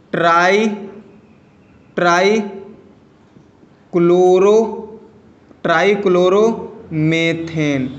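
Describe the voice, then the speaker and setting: Man, chemistry teacher, high voice, slow drawn-out delivery, repeats terms, quizzes class, echoey room. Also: a bit bright, dull audio. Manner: repeats key terms and asks the class questions; drawls terms out slowly. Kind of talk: video chemistry lesson.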